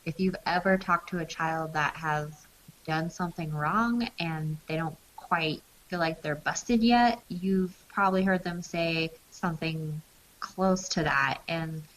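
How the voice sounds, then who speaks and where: Lower-voiced woman co-hosting, faint hiss. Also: measured pace, fairly bright tone, low-quality recording. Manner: reflective, agreeing commentary. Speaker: podcast co-host. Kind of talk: true crime podcast discussion.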